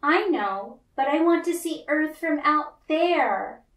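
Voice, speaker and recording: A woman's voice: high-pitched, animated, takes it slowly, pitched above the performer's own voice, exaggerated voice. A woman voicing a hopeful, earnest, dreamy little girl in a children's storybook. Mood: eager wonder. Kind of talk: children's storybook read-aloud. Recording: roomy, echoey, distant mic.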